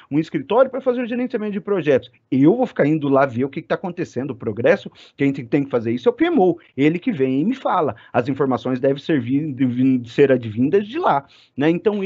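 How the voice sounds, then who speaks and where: A man giving an online class lecture, talking fast and animated and getting loud when excited. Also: a little high, no room sound. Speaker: university lecturer. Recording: dry, slightly muffled sound.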